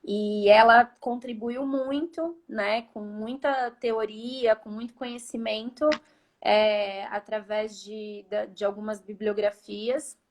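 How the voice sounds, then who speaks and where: A woman's voice: medium pitch, steady tone, takes it slowly. A woman in her thirties with a Brazilian Portuguese accent, a therapist telling her story in casual chat with lots of fillers, over a video call. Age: 30s. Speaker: guest therapist.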